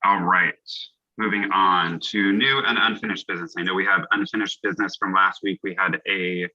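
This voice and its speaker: A man's voice: low-pitched, fairly even intonation, brisk, sharp tone. A man politely chairing a public commission meeting over a video call. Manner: polite, procedural. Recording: dull lo-fi call audio.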